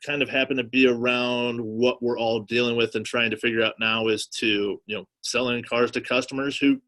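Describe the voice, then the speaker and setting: A man's voice: medium pitch, little pitch movement, moderate pace, fairly bright tone. A man giving an informal marketing presentation in a wordy, hesitant way, often saying "you know". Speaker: guest presenter on car dealership marketing.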